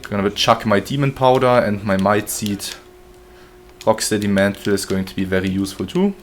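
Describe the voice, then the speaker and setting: Low-voiced man streaming a game. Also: animated, moderate pace. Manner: joking, chatty, reads chat aloud. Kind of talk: live gameplay commentary.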